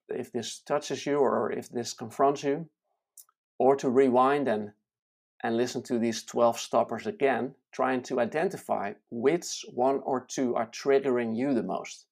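A self-help teacher speaking in a slow, deliberate way, reading lists with pauses and explaining ideas with small restarts and fillers. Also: medium pitch, fairly even intonation, a little mellow. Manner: measured, reads lists slowly with pauses.

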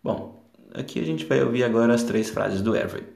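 A man's voice: mid-range voice, fairly quick, creaky, a little mellow, reverberant. A man hosting a podcast lesson, explaining and talking directly to his learners. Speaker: podcast host and English teacher.

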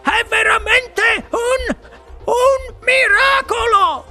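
A man reading an audiobook, voicing an elderly grandfather who shouts in amazement. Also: extremely high pitch, extremely slow, soft background music, pitched above the performer's own voice, heavily acted. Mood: amazed.

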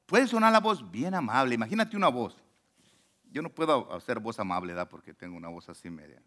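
A male pastor preaching a sermon, swinging between loud emphatic lines and low murmured asides, and acting out the voices in the story. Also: sing-song, a little fast. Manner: acts out quoted voices in the story.

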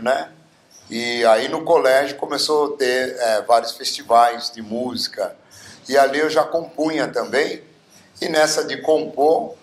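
A man in his seventies from Bauru, Brazil, telling stories as a guest, with many fillers. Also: medium pitch. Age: 70s. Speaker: guest singer. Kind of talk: casual interview storytelling. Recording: roomy echo.

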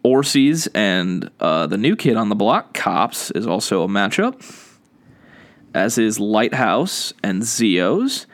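A man's voice: fairly low pitch, sing-song, slow. A man from the hosting a casual podcast, rambling with many fillers and restarts and laughing often. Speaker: podcast host. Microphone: studio microphone.

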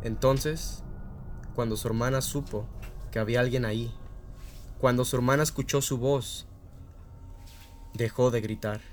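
A man's voice: mid-range voice, fairly even intonation, unhurried, pauses often, a little mellow, slight background noise. A man hosting a radio show, telling a short spooky story with dramatic repetition and casual fillers.

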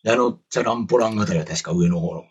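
A man with a Kansai accent, co-hosting a podcast in relaxed casual chat and laughing often. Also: on the low side, fast talker, breathy edge, dull audio. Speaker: podcast co-host.

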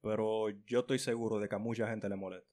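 A man with a Dominican accent in a casual chat with friends, calm and matter-of-fact. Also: fairly low pitch, quick pace. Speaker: panelist.

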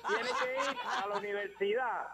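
A man's voice: high-pitched, normal speed, over a noisy crowd. A Puerto Rican man calling in to a radio show, rambling with many fillers. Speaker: caller. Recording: dull phone line with hum.

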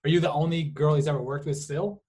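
A host asking follow-up questions in a casual interview, reacting quickly with short comments. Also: mid-range voice, fairly even intonation, a little mellow.

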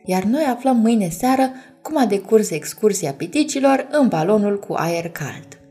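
Woman reading a gentle bedtime story. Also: mid-range voice, lively intonation, soft background music. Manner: gentle, addressing children.

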